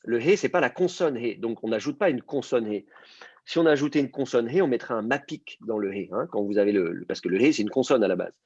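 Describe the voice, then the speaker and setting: A man's voice: medium pitch, lively intonation, fast talker, darkish tone, slightly rough, no echo, dull audio. A man teaching an online class, explaining patiently with many fillers and restarts. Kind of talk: online class on biblical Hebrew.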